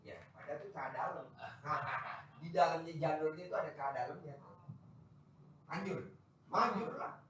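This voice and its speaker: A high-voiced man talks in a boisterous, joking way. He sounds far from the mic in a very echoey space. His manner is teasing and loud. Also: normal speed, pauses often, a little hiss or hum. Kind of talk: casual chat with visitors. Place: large echoey space, maybe a sheep barn.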